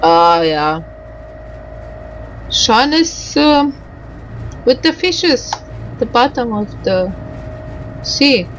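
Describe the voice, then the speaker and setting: A woman with a fairly high voice gives casual, unscripted game commentary, very animated, drawing out words and pausing often. She reacts in short, broken phrases and reads out bits of on-screen text. The recording is rough, with slight background noise.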